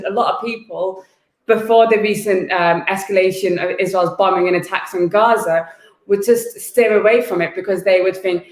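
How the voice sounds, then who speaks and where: Uk-raised woman activist, fervent n blunt, lowish voice, bit of room echo. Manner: fervent, blunt, repeats words when pressing a point. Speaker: activist guest. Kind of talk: impassioned interview talk.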